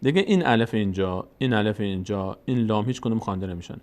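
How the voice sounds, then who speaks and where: A man teaching Quran reading, explaining each letter and vowel mark, then chanting the verses slowly to show the right sound. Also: lowish voice, a little mellow. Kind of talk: recitation lesson.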